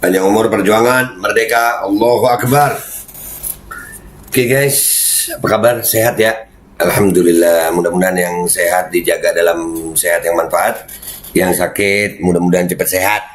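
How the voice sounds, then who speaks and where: A man hosting his own channel, talking loudly and heatedly in casual commentary. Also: deep voice, steady tone, normal speed, reverberant, poor audio. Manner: loud, heated, then slipping into Arabic prayer phrases. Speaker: YouTube channel host.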